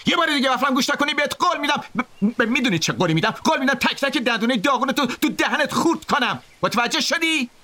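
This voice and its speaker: A man voicing a cruel teenage boy bully who taunts and yells threats. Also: very high-pitched, animated, pitched above the performer's own voice, full character voice. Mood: menacing. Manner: menacing, taunting, yelling.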